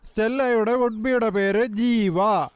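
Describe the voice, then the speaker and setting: Fussy lecturing vet, very high-pitched, film comedy. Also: male voice, measured pace, smooth, no echo. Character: fussy comic male dog doctor, pompous. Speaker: veterinary doctor. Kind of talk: Malayalam film dubbing. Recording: film soundtrack.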